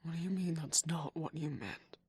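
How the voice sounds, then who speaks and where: A woman voicing a scheming, manipulative male cookie trickster in an ASMR roleplay, with a breathy whisper and a sly, taunting manner. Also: deep voice, normal speed, a little mellow, no echo. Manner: taunting, sly, laughs often.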